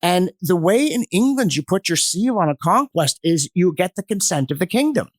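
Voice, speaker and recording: Recorded cleanly in a studio without echo, this high-pitched man speaks at a moderate pace with big swings in pitch. As a guest history commentator on a podcast, he tells stories with animated earnestness and emphasis, drifting into asides and performing quotes.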